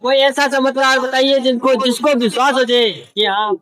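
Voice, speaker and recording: A man's voice: very high voice, level tone, moderate pace, a bit bright. A man conducting a street interview, asking short questions and repeating people's answers back to them. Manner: brief prompts and repeated answers.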